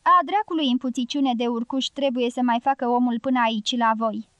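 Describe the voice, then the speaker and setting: A woman's voice: on the high side, fairly even intonation, a bit bright, dry recording, highs cut off, lightly acted. A woman narrator voicing Pilar, a tough older guerrilla woman with a thick voice who talks bluntly and coarsely. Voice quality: thick, husky voice.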